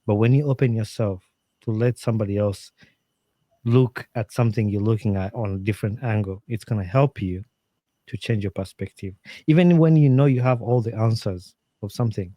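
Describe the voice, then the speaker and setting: A Ugandan man with a slightly low, mellow voice speaks earnestly and animatedly as a guest on a podcast, offering advice in casual interview talk. He often restarts sentences and fills gaps with "um" and "like." The recording is dry and close, with little sense of the room and no room sound at all.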